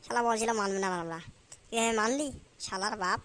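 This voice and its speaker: Woman playing a brash young cartoon son, taunting, very fast, bright voice. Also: mid-range voice, natural voice. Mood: defiant. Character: cheeky young newlywed son, defiant toward father. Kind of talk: comic cartoon voice acting.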